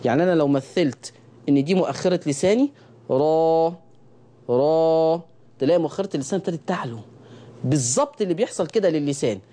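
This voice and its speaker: A middle-aged man with an Egyptian Arabic accent giving a televised Quran recitation lesson, repeating key phrases and slowly sounding out letters for viewers to copy. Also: fairly high pitch, expressive, mellow, breathy edge.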